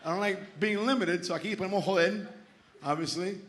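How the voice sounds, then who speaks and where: A man's voice: sits high, brisk, a bit bright, slight background noise. A man with a Miami Cuban-American accent doing a stand-up set, switching between English and Spanish mid-sentence. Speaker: stand-up comedian. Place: comedy club stage.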